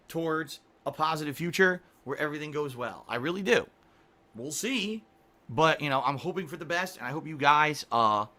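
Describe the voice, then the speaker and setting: A middle-aged man chatting casually on a livestream, reading viewer messages, rambling with frequent restarts and throat clearing. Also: a little high, pushed and bright. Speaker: streamer.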